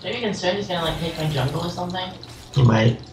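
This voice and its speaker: A woman's voice: fairly low pitch, animated, fast talker, music in the background. A woman chatting casually while gaming online, recorded roomy and distant with noise. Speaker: gamer playing with a friend. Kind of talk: casual chat during online game.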